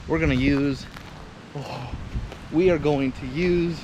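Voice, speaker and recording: A man talking casually to camera as a vlog host, in an informal, halting, rambling way. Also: a little high. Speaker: vlogger and host. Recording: noisy outdoor ambience, vehicle and river noise.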